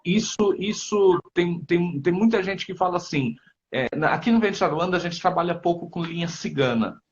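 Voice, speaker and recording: A man with a Brazilian accent, an Umbanda priest speaking as a guest in a live-stream conversation, a lively storyteller who acts out quotes. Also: high voice, normal speed. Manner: lively storyteller acting out quotes, frequent tag questions. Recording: dull lo-fi live-stream audio.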